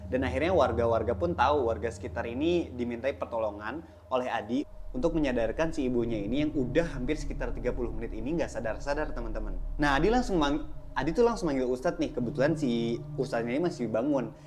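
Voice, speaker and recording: A man's voice: medium pitch, quick pace, background noise. A man telling a horror story in a casual, chatty way, addressing his listeners directly.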